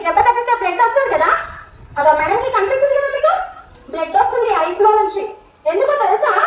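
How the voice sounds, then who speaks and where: High-pitched coaxing teacher. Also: female voice, lo-fi sound. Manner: coaxing, repetitive, questioning. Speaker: school teacher. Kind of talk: coaxing young children in a classroom demonstration. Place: school classroom with children. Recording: echoey room, mic far off, faint noise.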